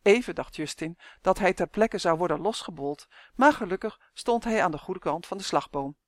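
Steady storybook reader, dry sound. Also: mid-range voice, moderate pace, no echo. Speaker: audiobook reader. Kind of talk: storybook narration.

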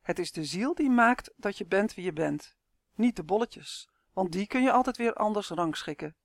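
Reader doing chance, calm wise lady explaining stuff patiently, dry close sound. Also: mid-range voice, moderate pace, creaky, dry recording. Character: calm wise female soul-rescuer explaining. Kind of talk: audiobook character voice.

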